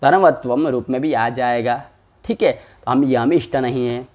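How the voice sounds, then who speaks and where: A man teaching a classical text, reading lines slowly and often asking his listeners if they follow. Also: mid-range voice, a little mellow. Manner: questions the listeners often and checks with "ठीक है?"; reads lines slowly, then explains them quickly. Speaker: Sanskrit teacher explaining a logic text. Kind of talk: lecture.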